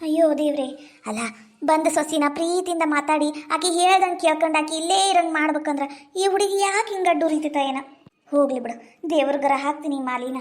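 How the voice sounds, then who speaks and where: A woman's voice: high-pitched, steady tone, a little fast, reverberant, close to an everyday voice. A woman with a North Karnataka accent playing a grumbling, coughing old village mother-in-law in a comedy skit. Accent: North Karnataka Kannada.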